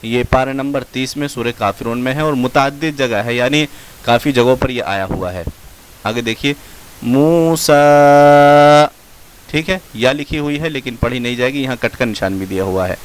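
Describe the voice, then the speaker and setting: A man teaching Quranic spelling in a slow classroom lesson, drawing out each recited word in a chant and then explaining quickly in a lower voice. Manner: drawn-out chanted recitation of words between quick low explanations.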